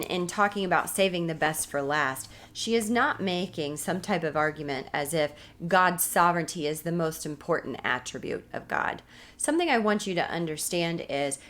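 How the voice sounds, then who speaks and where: A woman's voice: sits low, a bit bright. An American woman teaching a women's Bible study lesson in an earnest tone, often repeating phrases for emphasis.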